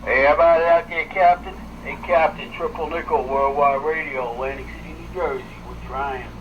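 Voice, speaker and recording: A man's voice comes through a CB radio, distant and muffled under a faint hiss. He calls out loudly and in a rush, using CB slang as an operator on the channel. His voice sits a little higher than most men's. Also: fairly even intonation. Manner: loud, hurried calling in CB lingo. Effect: heard over a CB radio. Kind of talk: CB radio call.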